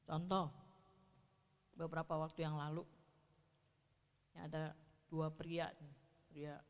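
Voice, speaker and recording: A woman's voice: sits low, flat delivery, takes it slowly. Woman preaching in a reverberant church. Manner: storytelling, asks the congregation questions, acts out quotes. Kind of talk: sermon. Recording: reverberant hall.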